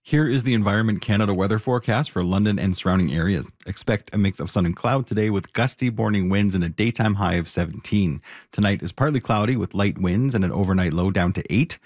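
A man's voice: on the low side, fast talker, a little mellow. A man reading a scripted weather forecast.

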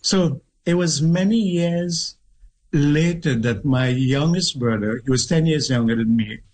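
A middle-aged Trinidadian man reminisces in an interview, his voice husky and a little breathy. He speaks at a measured pace and pauses often to pick his words. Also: fairly high pitch, darkish tone, rough recording. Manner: measured, thoughtful, with pauses and restarts. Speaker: guest author. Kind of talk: reflective interview storytelling.

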